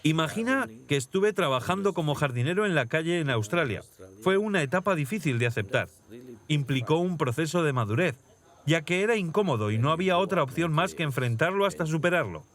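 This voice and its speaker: A calm, easygoing young prince with a slightly high voice, as a male dub actor voices him. He speaks reflectively and steadily in a documentary voice-over. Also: fairly quick. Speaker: dubbed interviewee voice-over.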